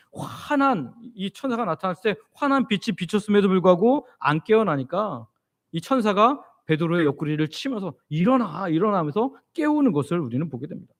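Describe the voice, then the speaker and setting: A man preaching an expository sermon as pastor, asking his congregation questions and answering them himself. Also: high voice. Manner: leads the congregation in reading scripture aloud.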